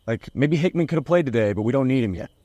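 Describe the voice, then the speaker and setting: A man's voice: medium pitch, lively intonation, fast talker, dark tone, dry recording. A man co-hosting a casual sports podcast, speculating loosely and often saying "like". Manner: speculative, uses lots of "like". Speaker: podcast co-host.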